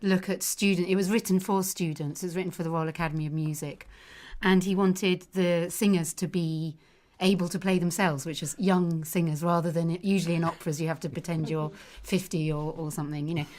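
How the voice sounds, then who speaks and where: Enthusiastic woman with a low voice. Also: steady tone, darkish tone. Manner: enthusiastic, quick restarts. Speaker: opera conductor. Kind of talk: radio interview chat.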